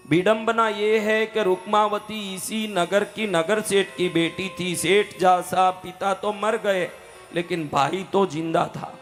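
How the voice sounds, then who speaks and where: A man telling a devotional story as a sermon, dramatic and calling out questions to the women listening. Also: high voice. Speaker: katha storyteller. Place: live religious gathering.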